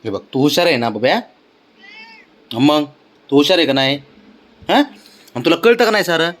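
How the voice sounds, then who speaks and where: A young man talking baby talk to his sulking pet cat, coaxing and doting in a sing-song voice with soft chuckles. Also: on the high side, very animated, normal speed. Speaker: cat owner vlogger.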